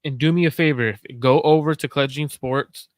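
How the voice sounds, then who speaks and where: A man hosting a casual sports chat, analytical and measured, repeating his main points. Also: fairly high pitch, steady tone, no echo. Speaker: host.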